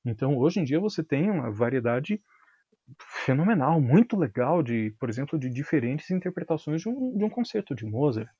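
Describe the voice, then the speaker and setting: A man with a Brazilian Portuguese accent, a violin teacher explaining ideas in a casual interview, animated and full of slang and tag questions. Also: a little high, normal speed, husky, dry recording, dull audio.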